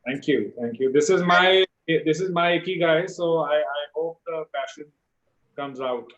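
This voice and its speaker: A man's voice: on the high side, a little slow, fairly bright tone, lo-fi sound. A middle-aged man with an Indian accent speaking as a guest in a conversational interview, agreeable and given to repeating words for emphasis. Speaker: guest speaker, life coach. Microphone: video call.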